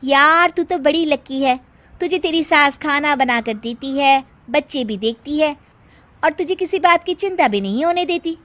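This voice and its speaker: A woman's voice: high voice, lively intonation, normal speed, fairly bright tone, voice pushed up. A woman doing a chatty young office friend. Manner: chatty, teasing.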